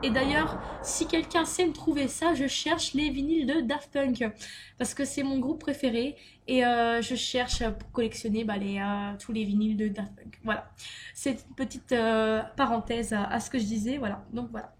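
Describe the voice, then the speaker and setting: A woman's voice: fairly high pitch, steady tone, moderate pace. A young woman from France chatting through a vlog question list, with many fillers and restarts. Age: young adult. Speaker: beauty vlogger. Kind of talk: casual Q&A tag vlog.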